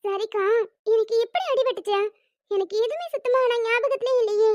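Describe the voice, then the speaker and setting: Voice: extremely high pitch, a little fast, dry recording, studio quality. A performer doing a chatty teenage younger sister. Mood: curious. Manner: bright, chatty, playfully insistent.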